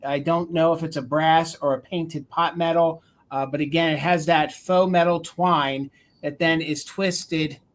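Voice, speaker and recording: A woman's voice: low-pitched, steady tone, a little slow. Chatty woman hosting a live sale. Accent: regional American. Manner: chatty, describes items and counts down bids. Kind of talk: live auction selling.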